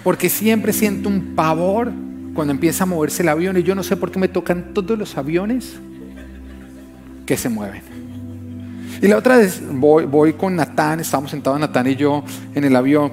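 A middle-aged man delivers a sermon as pastor in a somewhat high voice. He preaches with passion and drives his points home by repeating phrases. Music plays clearly behind him. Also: brisk. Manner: impassioned, repeats phrases for emphasis.

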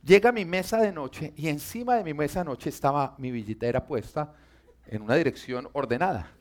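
A man preaching a sermon and telling humorous stories, speaking directly to his audience in a playful, animated way. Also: a little high, brisk.

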